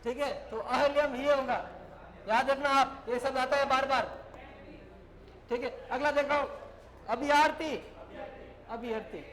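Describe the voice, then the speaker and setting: A man's voice: very high voice, flat delivery, moderate pace, pauses often, a bit bright, rough recording. A male teacher giving a classroom grammar lesson, dictating words and explaining them in short, repeated phrases.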